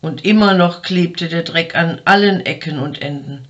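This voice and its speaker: A woman pastor reading a short devotional story in a measured, storytelling manner. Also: lowish voice, fairly bright tone, highs cut off.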